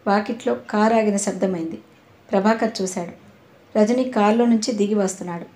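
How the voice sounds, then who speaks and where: A woman reads a novel aloud in a calm, measured narration. Her voice is mellow and dark, never sharp. A roomy echo surrounds the recording. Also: medium pitch. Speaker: audiobook narrator.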